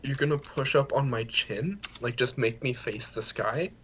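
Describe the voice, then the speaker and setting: A male player in a tabletop game, describing his character in a relaxed, halting way. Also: mid-range voice, slightly rough.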